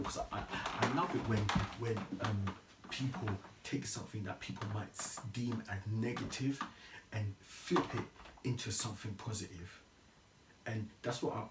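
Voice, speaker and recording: Earnest man hosting a motivational podcast. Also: fairly low pitch. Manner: earnest, encouraging, frequent restarts. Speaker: podcast host. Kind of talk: casual motivational podcast talk. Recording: echoey room, distant mic, noisy.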